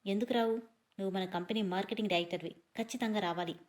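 A woman's voice: medium pitch, steady tone, racing, close to an everyday voice. Storybook: a female narrator doing a commanding young boss, short and firm. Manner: curt, bossy.

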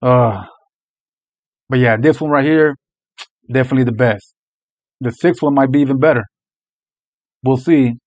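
A man's voice: mid-range voice, moderate pace, pauses often, no room sound, lo-fi sound. A young man giving casual, blunt and profane reaction commentary as a video host. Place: small room indoors.

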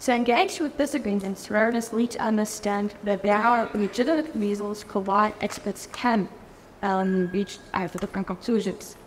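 A female keynote speaker from Germany stands at a lectern microphone in a large hall, explaining a research framework at a moderate pace. Her voice sits in the mid range, and she proceeds carefully, frequently restarting phrases and adding fillers. The hall is reverberant, with faint ambience and a bit of hiss or hum.

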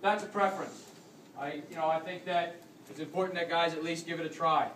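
Filmed on a phone from across a big carpeted conference room, a young American man runs a rugby demonstration clinic, explaining moves while performing them for a standing crowd. His voice is a little high and fairly bright, fairly quick, with fairly even intonation. The recording is far from the mic, echoey, and carries a faint hiss or hum.

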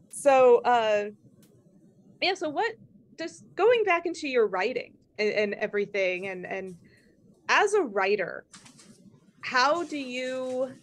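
A woman's voice: high-pitched, big pitch swings, slow pace, pauses often. A woman hosting a podcast, chatting casually, rambling with frequent laughs and restarts. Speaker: podcast host. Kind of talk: casual chat.

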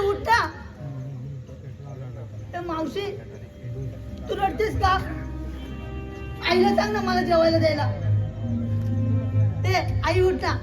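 A male performer doing a high-voiced small boy. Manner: childlike, repetitive, calling out insistently. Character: small boy whose mother has died. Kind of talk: solo stage monologue. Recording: roomy hall with music behind.

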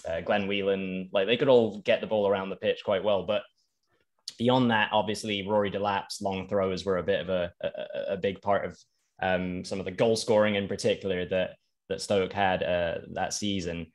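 Low-voiced podcast host asking long questions. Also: male voice, level tone, moderate pace. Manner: long rambling questions with restarts. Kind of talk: casual interview questions.

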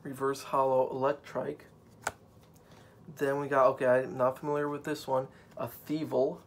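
A man's voice: medium pitch, little pitch movement, moderate pace, a little hiss or hum. A man hosting a casual card-unboxing chat at home on a couch, rambling and joking, with many fillers. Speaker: channel host.

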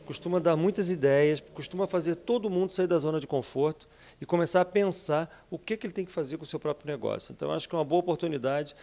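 A Brazilian entrepreneur in his fifties giving an energetic, persuasive interview in an office, speaking into a handheld mic. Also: on the high side, fast, creaky. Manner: energetic, persuasive, frequent tag questions. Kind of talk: interview answers. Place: office with bookshelves, indoors.

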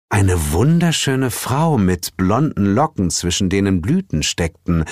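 A middle-aged man narrating a comic audiobook with playful, expressive storytelling. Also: sits low, no room sound, clean studio sound. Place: recording studio.

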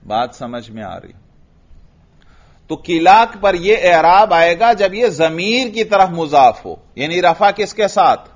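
A man with a Pakistani Urdu accent delivers a grammar lecture in a fairly high voice. He drills his class with questions he answers himself and recites Arabic examples slowly. The recording is dull and lo-fi. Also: sing-song.

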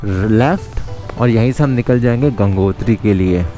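A man's voice: on the low side, moderate pace, dark tone, soft background music. A man in his thirties, a travel vlogger talking casually to his viewers as friends while riding a motorbike on an outdoor mountain road, recorded on an action camera. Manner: chatty, addresses viewers directly as friends. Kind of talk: casual travel vlog narration. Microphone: action camera on the bike and held at arm's length.

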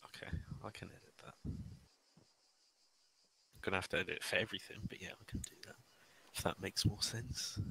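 A man with a lowish, bright, forceful voice, chatting casually during a co-op game. He swears freely and talks in quick bursts, with a faint hum of noise behind him. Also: fairly even intonation, vocal fry, low-quality recording. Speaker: player and mission maker.

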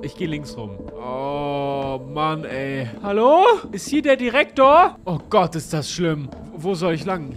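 A man commentating a horror game in a let's-play, jumpy and jokey, yelping and exclaiming often. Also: a little high. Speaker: gamer. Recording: voice over game music.

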